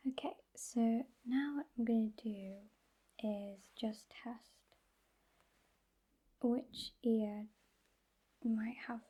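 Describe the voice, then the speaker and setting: A woman whispering gently and breathily, close to the ear, in a reassuring whispered role-play as an ear clinician. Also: on the high side, steady tone, drawn-out words, long pauses. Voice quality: breathy, mostly unvoiced whisper. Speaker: ASMR performer playing a medical examiner. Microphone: close ear-to-ear ASMR microphone.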